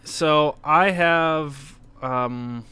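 A man's voice: on the high side, very slow, sharp tone, clear, resonant tone. A man co-hosting a casual podcast about video games. He talks candidly, with enthusiastic asides and casual swearing. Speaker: podcast co-host. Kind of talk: casual game-awards discussion.

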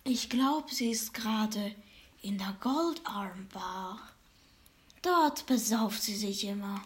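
A woman voicing a mysterious fortune teller who speaks in slow, hushed whispers. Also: mid-range voice, expressive. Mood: secretive.

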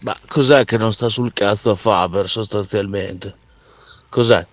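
A man's voice: on the low side, steady tone, unhurried, no room sound, distant mic. A man leaving a casual spoken message in a blunt, colloquial, mildly profane way.

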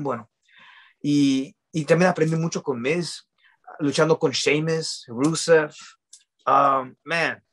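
A man, telling his story in a casual interview, often restarting and dropping English words into his speech. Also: on the high side.

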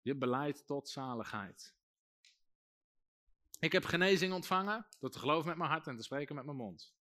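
A man's voice: on the high side, animated, normal speed, a bit bright. A man, a pastor, preaching a sermon and calling out to his congregation. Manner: preaching with rising emphasis and calls to the congregation.

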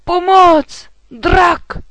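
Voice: mid-range voice, big pitch swings, dry recording. A reader voicing a jumpy, boastful storybook knight. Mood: panicked. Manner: stammering, panicky and loud. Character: frightened, boastful young human knight, male. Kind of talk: children's storybook reading.

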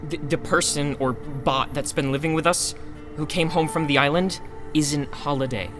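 A man's voice: a little high, steady tone, normal speed, over music, lightly acted. A man playing an anxious, hesitant teenage son who stammers, in an audio drama. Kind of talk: scripted audio drama acting.

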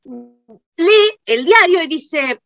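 A young woman with a Rioplatense accent, co-hosting a film podcast and retelling scenes in a fast, exasperated way. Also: very high-pitched, lively intonation, fairly bright tone, dull audio, faint music behind. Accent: Rioplatense Spanish. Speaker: podcast co-host. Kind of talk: casual film review chat.

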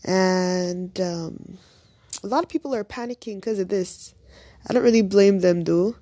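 A woman's voice: mid-range voice, measured pace, mellow, dry recording, studio quality. A young woman from Nigeria hosting a casual faith-based podcast, chatty and upbeat, with an early-morning voice, talking straight to her listeners. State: early-morning voice, just woken up. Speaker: podcast host.

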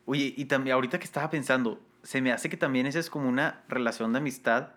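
Presentador mexicano de pódcast, charla relajada y cercana, con una voz de timbre brillante y comentarios ágiles. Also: male voice, medium pitch, steady tone, fast, fairly bright tone. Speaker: podcast host. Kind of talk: casual chat.

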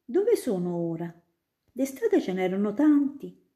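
A woman's voice: medium pitch, very animated, a little slow, dark tone, voice pushed up. A woman voicing a curious, eager little girl who keeps asking questions in a storybook reading. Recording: roomy echo.

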